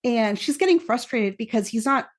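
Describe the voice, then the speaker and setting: A woman guest chatting casually on a podcast, animated and emotional, acting out characters' lines and her own reactions as she recaps. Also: on the high side, moderate pace. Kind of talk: casual chat recapping a show.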